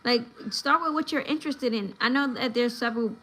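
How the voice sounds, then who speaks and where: Bright and forceful, this slightly high voice belongs to a thirtysomething New York woman who chats on her home livestream, offering viewers advice and playing out the voices in her anecdotes. She talks a little fast, and the poor recording carries some hiss or hum.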